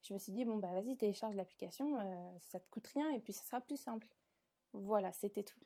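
Young woman from southern France, mellow. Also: medium pitch, a little fast. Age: 20s. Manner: chatty, many filler hesitations. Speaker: guest, content creator. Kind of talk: casual interview answers.

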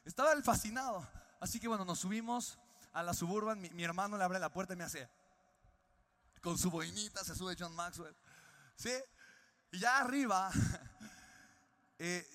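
A man's voice: high voice, normal speed, pauses often. A young Mexican man with a Mexican Spanish accent, a podcast host telling a personal story and acting out the voices of the people in it. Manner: animated storyteller, acts out quoted voices. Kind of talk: storytelling monologue. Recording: long reverb on the voice.

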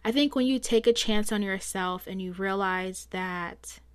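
This podcast host speaks alone, chatty and reflective, rambling with fillers in a casual monologue. Her medium-pitched voice is smooth and a little slow, though somewhat strained from heavy use.

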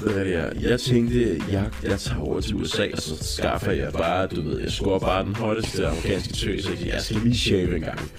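A young man casually telling a story in a chat, animated and lively, sometimes acting out panicked shouting. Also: deep voice, few pauses.

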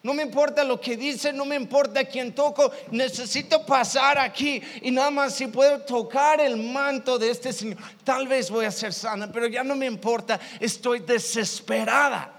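A male pastor giving voice to a sick woman desperate for healing. She pleads urgently in a high voice. The words hang in the long reverb of a big hall. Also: moderate pace, few pauses, fairly bright tone. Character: desperate sick woman pushing through a crowd.

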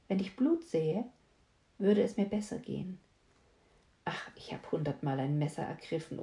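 A woman giving a dramatic reading of a classic novel in the first person, moving between fervent outbursts and hushed whispers. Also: lowish voice. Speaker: audiobook reader. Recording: echoey room.

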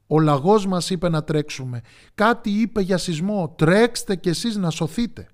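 Brief: man doing a bunch of fussy, excitable oxen, high and loud. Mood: flustered. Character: herd of flustered oxen.

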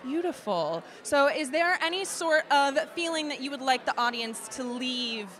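A woman's voice: high-pitched, expressive, normal speed, fairly bright tone, some chatter behind. A woman hosting red carpet interviews in an upbeat, enthusiastic way.

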